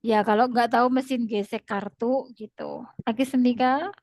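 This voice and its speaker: Patient woman tutor, somewhat high voice, repeats key words, close dry mic. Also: fairly even intonation, moderate pace, darkish tone, dry recording. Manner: explains patiently, repeats terms, laughs often. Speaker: Korean language tutor. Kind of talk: online class explanation.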